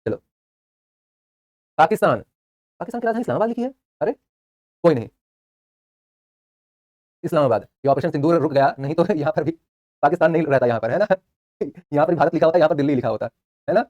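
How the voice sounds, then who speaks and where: A man's voice: on the high side, darkish tone, highs cut off. Chatty joking man teaching live class. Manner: chatty, joking asides between facts; repeats key answers for students.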